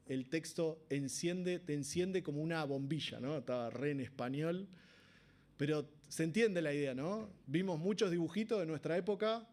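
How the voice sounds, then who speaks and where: A man's voice: a little high, darkish tone. A man with an Argentine Spanish accent preaching a sermon in a church, talking conversationally and often asking the congregation rhetorical questions.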